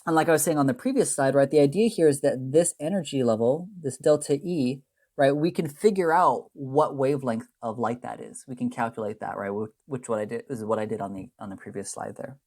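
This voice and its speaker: A man's voice: mid-range voice, fairly quick, a little mellow. Man lecturing, chatty and self-correcting. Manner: rambling, self-correcting, with frequent tag questions; plays down the math. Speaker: chemistry instructor. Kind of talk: recorded lecture explaining slides.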